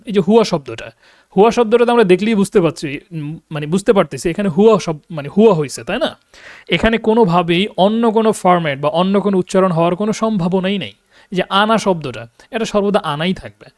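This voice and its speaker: A man teaching a beginners' language class online, explaining patiently, reading example sentences slowly and translating each one, often asking if students follow. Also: high voice, no echo, clean studio sound. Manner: explains patiently, checks understanding with questions. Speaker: Arabic teacher.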